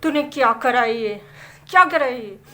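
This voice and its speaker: A woman voicing an angry mother who loudly scolds her son in a told story. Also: high voice, unhurried. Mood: angry shouting. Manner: loud, shocked scolding. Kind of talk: oral storytelling.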